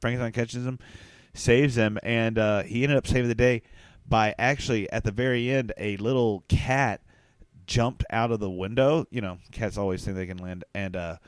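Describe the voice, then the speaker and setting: A man hosting a casual comedic chat, telling rambling deadpan tall tales with lots of fillers. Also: fairly low pitch, normal speed, smooth, no room sound.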